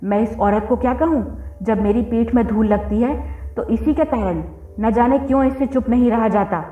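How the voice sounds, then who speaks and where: A woman's voice: on the high side, normal speed, reverberant, phone-quality sound, close to an everyday voice. A woman voicing a weary, restrained middle-aged farmer husband speaking sternly. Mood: stern scolding.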